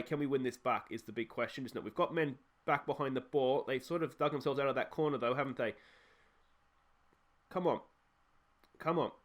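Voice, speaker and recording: An Australian gaming channel host, slightly croaky with a cold, runs a casual let's play of a football management game. He chats along and reacts with excitement to the match highlights.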